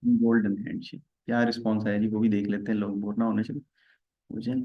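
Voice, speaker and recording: Here the tax teacher's voice is fairly low, flat and brisk as he runs the live online lesson. Chatty as ever, he plays out small dialogues and quizzes his viewers, all on roomy, slightly muffled stream audio.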